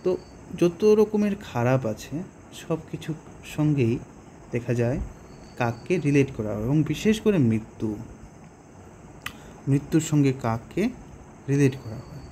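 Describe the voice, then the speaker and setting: Bengali-accented male teacher, unhurried delivery, soft mellow tone, faint background hiss. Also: mid-range voice, big pitch swings. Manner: explains slowly, with hesitations and rhetorical questions. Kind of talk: poetry lesson explanation.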